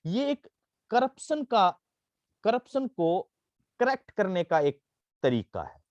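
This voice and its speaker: A man giving a persuasive sales pitch, mixing Hindi with English phrases and calling listeners his friends. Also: sing-song, takes it slowly, no echo, muffled recording. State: coughing, throat irritated. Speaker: network marketing presenter.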